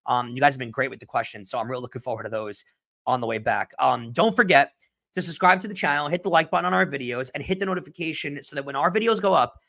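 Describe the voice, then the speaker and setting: Taking listener questions on his own sports podcast, a young host speaks fast in a gravelly, medium-pitched voice. He is animated and emphatic, driving his points home by repeating them.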